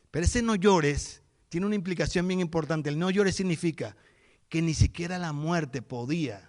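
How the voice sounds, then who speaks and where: A man preaching a sermon as pastor, telling the story vividly and acting out the scenes. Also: a little high.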